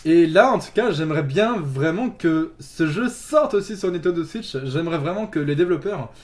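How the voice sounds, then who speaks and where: A man's voice: a little high, animated, moderate pace, darkish tone. A man hosting a gaming video, chatting casually with many fillers and restarts and laughing at himself. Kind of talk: casual chat.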